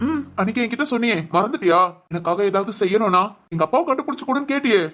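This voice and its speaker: A woman voicing a caring young policeman who gently comforts a crying friend in an audio drama. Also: fairly high pitch, lively intonation, fast, faint music behind. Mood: comforting. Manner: gentle and reassuring.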